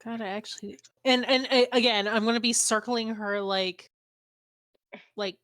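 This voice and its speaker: A woman's voice: a little high, steady tone, moderate pace, a bit bright, no room sound. Chatty woman player, dry mic. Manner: chatty, hesitant, full of fillers. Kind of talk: casual game chat.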